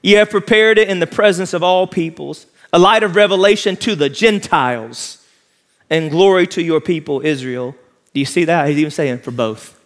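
A man's voice: a little high, normal speed. A man, preaching an emphatic sermon as pastor in a large church auditorium. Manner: impassioned, emphatic preaching, walking the stage.

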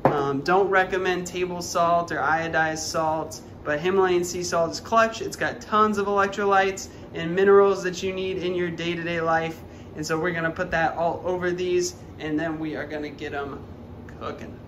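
Slightly high and a bit bright, the young man's voice keeps a fairly even intonation at normal speed, with slight background noise. He's vlogging at home in his living room and kitchen, chatting cheerfully straight to his viewers.

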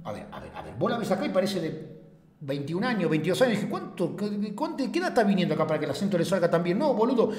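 Loud, jokey man in an echoey room. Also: high voice, big pitch swings, fast talker. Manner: loud, jokey, slangy, swings between shouting and mumbling. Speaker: reaction streamer. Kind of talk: casual reaction commentary.

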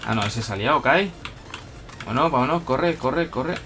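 A young man from Spain with a Spanish accent, giving live gameplay commentary, excitable, bursting into shouts and playful taunts. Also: medium pitch, normal speed, background noise. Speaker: gaming commentator. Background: electronic background music.

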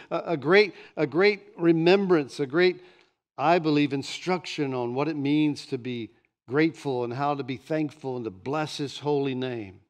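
A man in his sixties preaching a sermon from a church pulpit, animated and often repeating words as he starts a sentence. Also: mid-range voice. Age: 60s. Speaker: pastor. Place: church stage behind a pulpit.

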